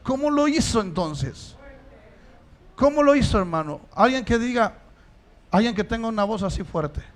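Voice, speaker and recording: In church, a male pastor preaches a sermon, posing rhetorical questions to the congregation and climbing to emphatic stresses. His voice sits high and is expressive at a moderate pace.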